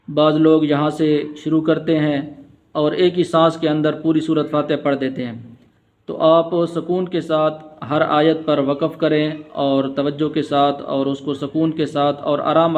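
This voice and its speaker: A man teaches Quran recitation, explaining slowly and patiently and repeating each point. His voice is a little high and stays flat in pitch. The sound is dull and lo-fi. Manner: patient, repetitive explaining, slow drawn-out chanting of verses. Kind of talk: Urdu-language tajweed lesson with chanted recitation.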